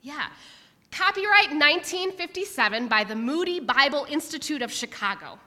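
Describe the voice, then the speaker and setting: A middle-aged woman preaching a sermon in church, reflective and warm, sometimes emotional. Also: high-pitched, animated, moderate pace. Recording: long reverb of a church hall.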